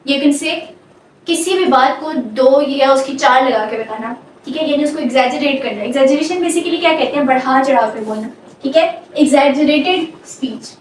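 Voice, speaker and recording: A woman teacher, explaining grammar step by step and dictating example sentences slowly word by word. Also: high voice. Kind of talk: grammar lecture. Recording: echoey room, voice from far off, faint background hum.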